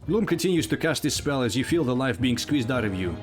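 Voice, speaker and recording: A man's voice: medium pitch, lively intonation, a little fast, faint music behind. Casual man reading a text adventure. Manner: casual, with asides. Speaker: game narrator.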